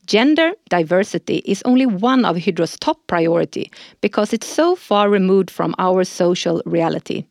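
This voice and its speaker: A woman's voice: on the low side, lively intonation, moderate pace, creaky, darkish tone, dry recording, clean studio sound. A woman hosting a corporate podcast who reads prepared lines and agrees with her co-host. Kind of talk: scripted corporate podcast dialogue.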